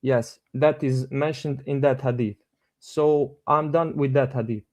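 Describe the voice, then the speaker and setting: Polite young Bosnian-accented caller. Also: male voice, medium pitch, steady tone, measured pace, darkish tone. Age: 20s. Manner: hesitant, polite, full of uh fillers. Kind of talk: debate call-in.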